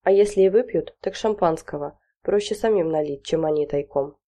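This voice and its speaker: A woman narrating an audiobook in a measured, wry storytelling manner. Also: low-pitched, dark tone. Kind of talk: scripted narration.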